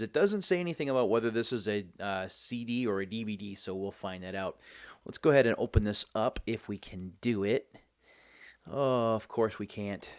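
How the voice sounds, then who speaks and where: Low-pitched man hosting a casual unboxing. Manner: chatty, thinking aloud as he goes. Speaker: host of a game unboxing video series.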